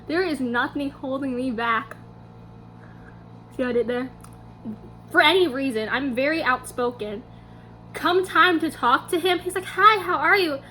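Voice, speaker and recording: A young woman vlogger telling a story to camera in a casual, animated way, acting out her own quotes. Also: high voice, unhurried, long pauses, slight background noise.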